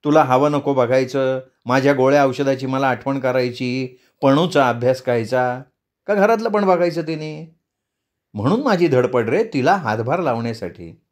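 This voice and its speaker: A man's voice: medium pitch, lively intonation, normal speed, natural voice. A man voicing a restless, fussy old grandmother in a read-aloud story, motherly and pleading.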